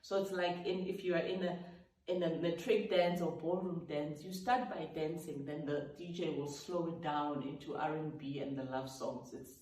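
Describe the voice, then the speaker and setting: In a low-pitched, darkish voice with fairly even intonation and normal speed, a gospel singer-songwriter who first spoke Sotho reflects casually on her song's origins, occasionally singing snippets or making vocal sounds. The echoey room, distant mic, and slight background noise are audible.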